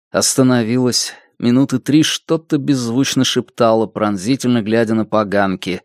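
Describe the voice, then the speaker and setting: Narrator for an audiobook, mid-pitched and expressive, with a dead-dry studio sound. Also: dry recording. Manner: expressive storytelling reading.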